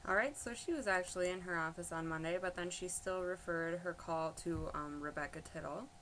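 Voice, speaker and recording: A woman's voice: on the low side, fairly quick, a bit bright, low-quality recording. A woman giving casual explanatory narration in an unscripted way. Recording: faint background noise.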